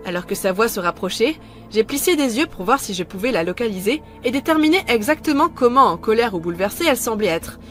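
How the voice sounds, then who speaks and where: A woman narrating a first-person horror story in a calm, measured way, scripted. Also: fairly high pitch, faint music behind.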